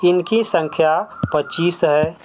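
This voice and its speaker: Teaching letters and sounds, a teacher moves through the grammar step by step, unhurried and at a medium pitch with a darkish tone, over a slight hiss or hum. She repeats every term twice, slips in English words, and answers her own quick questions to the class at once.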